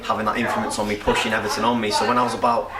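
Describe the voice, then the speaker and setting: A young man from North Wales with the accent to match talks through his answers in an easy, rambling way, laughing now and then. His voice sits a little low and sounds distant in an echoey room. A crowd murmurs behind him. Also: flat delivery, very fast. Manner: chatty, rambling, laughs often. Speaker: upcoming rapper. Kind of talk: casual interview answers.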